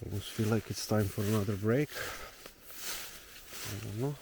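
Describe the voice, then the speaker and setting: A man's voice: fairly low pitch, normal speed, vocal fry. A young man from Slovenia with a Slovenian accent, casually vlogging and thinking aloud while hiking through a forest. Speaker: solo traveler vlogger. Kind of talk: casual walking vlog. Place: forest outdoors. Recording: noisy outdoor nature ambience.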